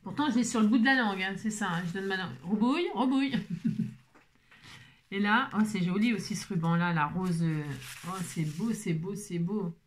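A woman's voice: medium pitch, normal speed. A woman vlogging casually while opening craft mail at her table at home, chatty and playful, gushing over every item.

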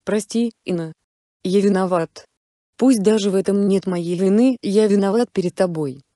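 A woman's voice: mid-range voice, normal speed, warm tone, dry recording, studio quality, lightly acted. A woman voicing a young man who is remorseful and speaks in a broken, subdued way. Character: young man, guilt-ridden fiancé, broken and quiet.

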